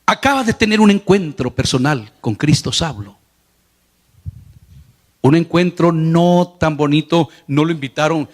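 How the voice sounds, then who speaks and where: High-voiced man preaching earnestly. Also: lively intonation, a little slow. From Latin America. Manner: earnest preaching, voice rising on quoted lines. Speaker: pastor. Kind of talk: sermon.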